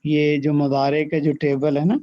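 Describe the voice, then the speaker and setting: A man teaching an online grammar lesson. He recites verb forms slowly and mixes English terms into his explanations. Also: fairly high pitch, little pitch movement, dull audio. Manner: slow, drawn-out recitation of verb forms between quick explanations; mixes in English terms and checks in with "theek hai".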